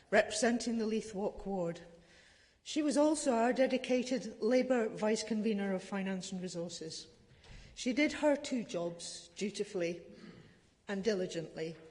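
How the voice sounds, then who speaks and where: A woman's voice: mid-range voice, darkish tone. A woman giving a passionate, indignant political speech as a councillor, emphatic and rhetorical. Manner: emphatic, rhetorical, building lists and repetitions. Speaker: city councillor. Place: large council chamber, indoors. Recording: echoey hall with long reverb.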